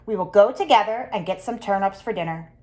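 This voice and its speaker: A woman's voice: mid-range voice, brisk, a little mellow, close to an everyday voice. A woman voicing a sly, hungry male wolf in a read-aloud storybook, with a wheedling sing-song manner. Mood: coaxing.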